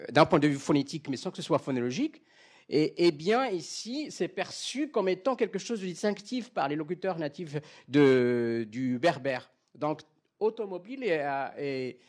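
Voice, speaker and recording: Guy lecturing a class, voice jumps up and down a lot, kinda high for a man. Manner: checks in often with the class, demonstrates sounds aloud.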